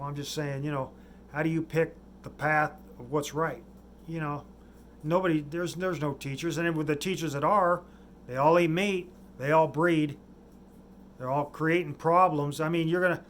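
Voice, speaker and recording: A man's voice: on the high side, a bit bright, a little hiss or hum. A man talking, often restarting his sentences and trailing off into mumbles. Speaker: vlogger. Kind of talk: rambling monologue.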